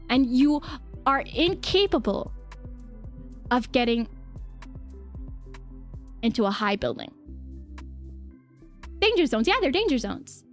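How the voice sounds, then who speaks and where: A woman hosting a livestream, explaining things casually to viewers in an informal, giggly way and often repeating her phrases. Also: a little high. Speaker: livestream host.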